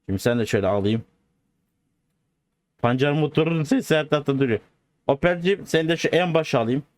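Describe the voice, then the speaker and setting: Excitable man joking through gameplay. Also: on the high side, a little fast, no echo. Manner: excitable, joking, slangy banter with the viewers. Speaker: gaming video host. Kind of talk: casual gameplay commentary.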